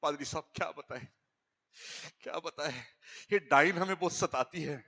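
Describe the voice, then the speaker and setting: A man putting on a worn-down middle-aged husband who complains quietly and wearily. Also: on the high side, a little fast. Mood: weary. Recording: echoey church hall.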